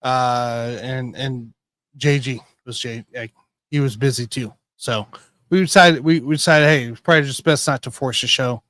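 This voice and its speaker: A man hosting a casual sports betting show, rambling and correcting himself as he tells excitable stories. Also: medium pitch, normal speed, no room sound. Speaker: podcast host.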